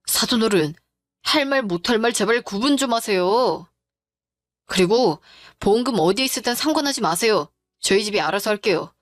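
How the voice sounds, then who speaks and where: A woman's voice: medium pitch, expressive, normal speed, no room sound, studio quality, close to an everyday voice. A woman voicing a grieving young adult daughter who speaks tearfully but firmly and stands her ground in a dramatized story. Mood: upset. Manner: tearful but firm and confrontational.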